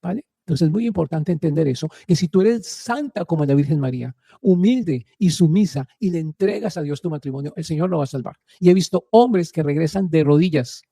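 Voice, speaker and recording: Man, radio host, dark mellow voice, somewhat high pitch, earnest storytelling, preaching, dry close recording. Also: a little fast, creaky, few pauses, breathy edge, no room sound. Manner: asks listeners rhetorical questions. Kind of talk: radio talk on faith and marriage.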